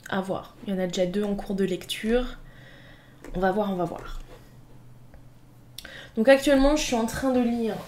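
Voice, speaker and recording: A mid-pitched woman chats casually about her books to camera. She is playful and full of fillers, with asides to herself. A faint hiss of noise runs under the voice. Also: normal speed, pauses often, a little mellow. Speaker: book vlogger. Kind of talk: casual unboxing chat.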